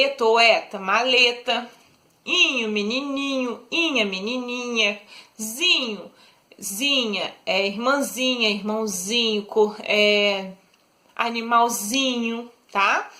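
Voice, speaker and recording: Bright, high-voiced teacher woman. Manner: patient, checks often with the class; affectionate toward young pupils. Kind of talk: online class lesson.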